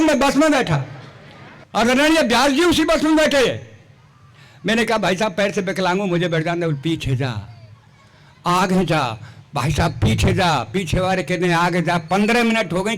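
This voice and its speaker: An older man with a very high voice tells folksy comic stories on stage. He builds each joke toward a punchline and slips into the voices of the people in his tales. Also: moderate pace, fairly bright tone. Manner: folksy, punchline-driven, voices quoted characters. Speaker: comic poet.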